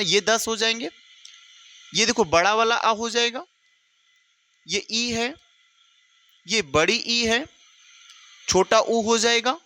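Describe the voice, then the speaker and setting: A young man teaching an exam-prep Hindi lesson, repeating phrases slowly for students to write down and calling them brother. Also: extremely high pitch, sharp tone.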